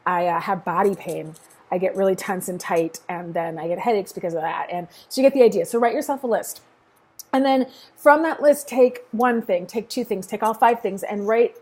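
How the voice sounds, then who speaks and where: A middle-aged woman talks to a group in a loose, coaching way, frank and encouraging and not shy of a swear word. Her voice sits at an ordinary pitch with a husky, slightly breathy edge. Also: darkish tone. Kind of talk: casual coaching talk to a group.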